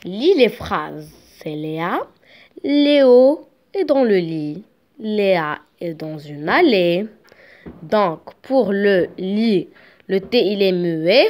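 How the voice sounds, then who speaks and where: Very slow-speaking woman teaching French. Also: medium pitch, lively intonation, darkish tone. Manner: slow, syllable by syllable. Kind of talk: slow beginner reading lesson.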